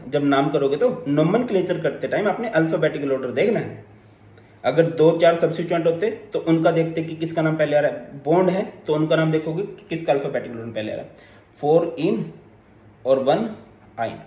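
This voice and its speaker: A male chemistry teacher gives an online lecture in a slightly high, mellow voice. He walks through each step, slips English terms into his sentences and teases his students along the way. The sound has a roomy echo.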